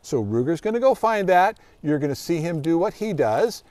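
A middle-aged search dog handler, on hand as a guest presenter, shows children his work in an easygoing, folksy way, explaining and asking them questions in a grassy forest clearing. His voice sits on the high side with a darkish tone, very animated at a moderate pace, and there's no room sound.

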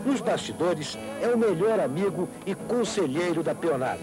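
A man's voice: high-pitched, expressive, moderate pace, rough recording. A man with a Brazilian accent reading scripted documentary narration as a TV reporter. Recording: clear music behind narration.

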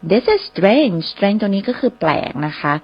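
A woman hosting a radio English lesson, spelling English words slowly letter by letter and repeating phrases for listeners. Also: mid-range voice, big pitch swings, slightly rough. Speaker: radio host and English teacher. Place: radio studio. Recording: slightly dull radio broadcast sound.

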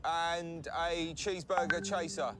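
A man's voice: fairly even intonation, unhurried. A man ordering food at a drive-through from his car, raising his voice to the speaker box with hesitant fillers. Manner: raised, high-pitched ordering voice with hesitant fillers. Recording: background music.

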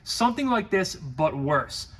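A man's voice: high-pitched, very animated, unhurried, husky. Blunt, profane man in a garage. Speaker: shop mechanic and co-host. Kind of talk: casual shop banter. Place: car shop garage.

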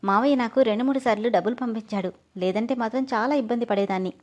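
A woman's voice: fairly high pitch, fast talker, darkish tone, lightly acted. Emotional young wife, pleading, tearful, woman doing the voice, storybook reading. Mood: earnest.

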